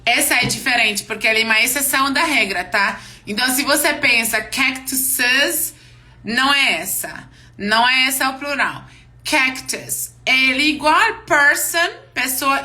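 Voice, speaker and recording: Bright-voiced woman teaching pronunciation slowly. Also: fairly high pitch. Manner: slow, drawn-out model words; checks in with "yes?" and "ok?". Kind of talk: live online class. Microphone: live-stream mic.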